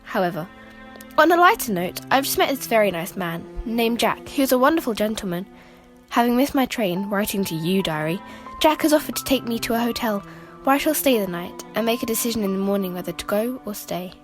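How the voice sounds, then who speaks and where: A woman's voice: medium pitch, animated, a little fast, soft background music, close to an everyday voice. A woman playing an anxious young runaway woman who reads out her diary in a wistful, confiding way in an amateur radio play. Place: home, recorded alone.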